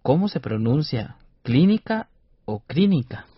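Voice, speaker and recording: A man's voice: mid-range voice, animated, unhurried, no room sound. A man co-presenting a scripted educational radio lesson, explaining carefully and over-articulating syllables. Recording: dull dry studio radio recording.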